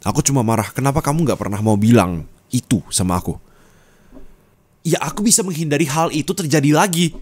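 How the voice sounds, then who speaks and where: A young man performs an ASMR roleplay monologue as a disappointed boyfriend, speaking low and intimately, scolding and sometimes rising into anger. His husky voice has a darkish tone and a brisk delivery.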